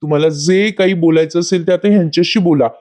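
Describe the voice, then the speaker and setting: Apologetic aunt, voiced by a man in his own tone: mellow. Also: on the high side, quick pace, natural voice. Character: middle-aged aunt, apologetic go-between.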